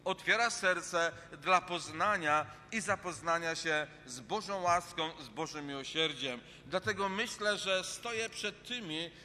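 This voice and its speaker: Male preacher from Poland, earnest sermon, bright higher voice, hall reverb, faint rumble. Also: measured pace, few pauses. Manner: earnest, repetitive phrasing with hesitant fillers. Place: church hall. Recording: long reverb of a large hall.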